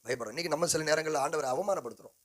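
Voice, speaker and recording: A pastor with a Tamil accent preaches a sermon in a fairly high, slightly bright voice, speaking very fast. In a call-and-response style, he prompts the congregation to answer and repeats phrases in a rising, rhythmic exhortation.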